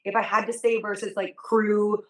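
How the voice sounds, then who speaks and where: A woman's voice: mid-range voice, flat delivery, normal speed. Upbeat woman in an echoey, distant recording. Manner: upbeat, enthusiastic cruise director. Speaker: cruise director, interview guest. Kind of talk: casual interview chat. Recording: echoey room, distant from the mic.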